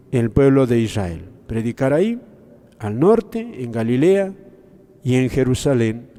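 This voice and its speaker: A man commenting on the Gospel in a sermon style, speaking slowly and reflectively with many pauses and fillers, and often addressing his listeners directly. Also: medium pitch, dark tone, big-room sound.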